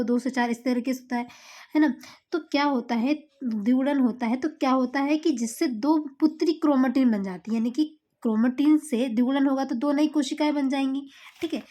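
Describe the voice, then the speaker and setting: Woman teacher, high voice, mellow tone, asks and answers her own questions, repeats key terms. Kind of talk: classroom-style lecture.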